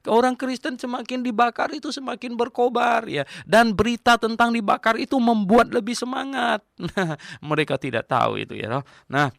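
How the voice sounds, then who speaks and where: An older man delivers a Bible teaching sermon with gravelly warmth. He hammers on repeated phrases and drops in small chuckles. The sound is close and dry. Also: very high-pitched, normal speed, dry recording. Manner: emphatic, animated, repeats key phrases; chuckles between points. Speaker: pastor.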